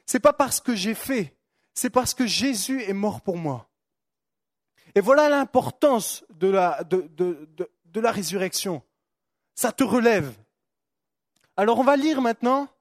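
A man's voice: high voice, animated, unhurried, pauses often, no room sound, clean studio sound. A young man preaching a sermon, fervent, repeating phrases for emphasis and stumbling on words. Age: young adult.

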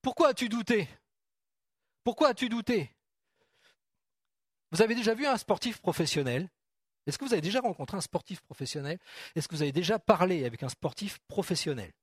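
A middle-aged man preaching a sermon in a church hall, animated and asking the congregation questions directly. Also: sits high, fast, husky, studio quality.

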